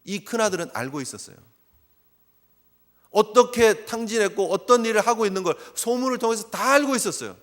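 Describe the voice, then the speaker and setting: A man's voice: high-pitched, lively intonation, a little fast, a bit bright. A man pastor preaching an emphatic, earnest sermon in a church sanctuary. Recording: long church hall reverb.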